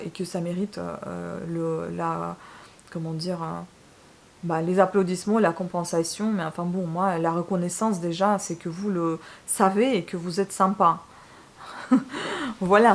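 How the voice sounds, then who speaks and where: A Ukrainian woman hosts a book channel in French, her Ukrainian accent clear as she addresses viewers directly. She sounds candid and somewhat exasperated, full of fillers and false starts, in a lowish voice. It's a casual vlog monologue.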